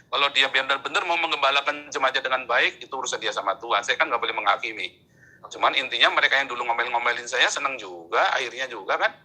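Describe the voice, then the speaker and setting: A man from Indonesia telling his story in an interview, animated, his voice leaping high when excited, often addressing the listener as "Pak". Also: fast talker, poor audio. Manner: peppers speech with "Pak".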